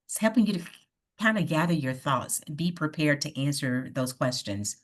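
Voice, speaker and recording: A woman with a low voice runs a workshop over a video call. She coaches her listeners step by step and keeps checking in with "right?". The sound comes through a plain computer mic. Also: expressive, moderate pace. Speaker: workshop presenter. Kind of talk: online workshop presentation.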